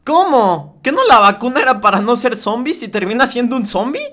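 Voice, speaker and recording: A man reacts to a video in loose, joking commentary. His pitch swings widely as he jumps from disbelief to laughter, and his asides are full of slang. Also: animated, brisk, sharp tone.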